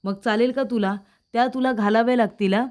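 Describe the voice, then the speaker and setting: A woman voicing a greedy, scheming young man who talks smoothly to get his way. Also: on the high side, steady tone, fairly quick, darkish tone, close to an everyday voice. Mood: sly, defiant. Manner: smooth, sly.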